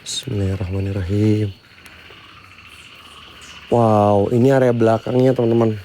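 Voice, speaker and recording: A man's voice: on the high side, steady tone, moderate pace, a little hiss or hum. A young man live-streaming a ghost hunt, jumpy and calling out to spirits while muttering prayers under his breath. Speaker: paranormal explorer streamer.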